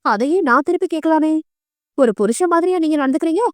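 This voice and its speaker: A woman's voice: high voice, animated, brisk, no room sound, clean studio sound, voice pushed up. A woman voicing a hurt but proud young schoolteacher wife in an audio novel, speaking sharply and defiantly. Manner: pleading, then sharp and defiant.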